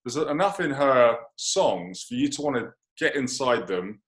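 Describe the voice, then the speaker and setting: A man's voice: medium pitch, expressive, unhurried. A man with a British accent hosting a radio interview, asking long, searching questions full of asides. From United Kingdom.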